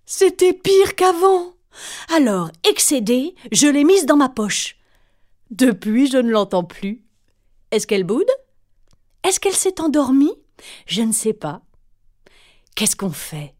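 High-voiced woman telling a children's tale. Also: a little slow, pauses often. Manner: expressive, playful, voices several characters. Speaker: storyteller. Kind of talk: storytelling for children.

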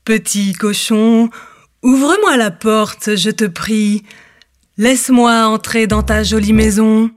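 A woman voicing a sly, menacing big bad wolf in a storybook reading, drawing out each word slowly. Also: a little high, faint music behind. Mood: falsely sweet. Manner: slow, drawn-out, falsely sweet then threatening.

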